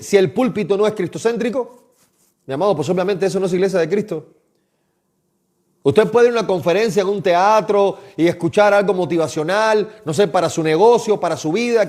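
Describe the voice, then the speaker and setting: A man's voice: sits high, darkish tone. A man preaching a live-streamed sermon, impassioned and exhorting, often calling his listeners his beloved. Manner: impassioned, exhorting, addresses listeners as "mis amados".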